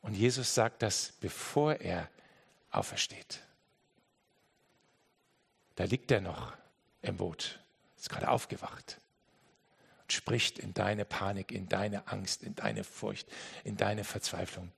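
A man preaching a sermon emphatically, speaking straight to the listener and swinging between loud and hushed. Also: fairly low pitch, a little slow, gravelly, husky.

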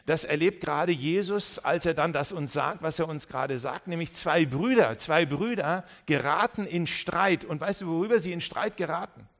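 A man preaching a sermon. His voice sits a little high. He delivers with drama, rising to urgent warnings and dropping to hushed, low asides. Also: normal speed, hardly any pauses. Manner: dramatic, acts out voices in dialogue.

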